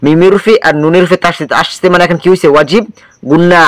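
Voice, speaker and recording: A man's voice: fairly high pitch, fairly even intonation, fast, no echo. A man teaching Quran reading, patiently drilling letter sounds and quizzing the viewer.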